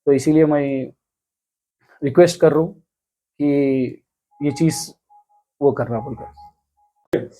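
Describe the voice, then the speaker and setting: A man in his thirties with a Hyderabadi accent, giving an earnest, halting news interview. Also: a little high, warm tone. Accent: Hyderabadi Hindi. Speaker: interviewee, complainant. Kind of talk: news interview, recounting an attack.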